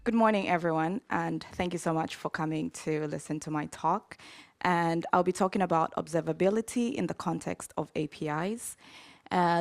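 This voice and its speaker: A woman from Zambia giving a conference talk, in a conversational way with frequent pauses and fillers. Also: on the low side, darkish tone, no echo, studio quality. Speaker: conference speaker. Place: conference hall.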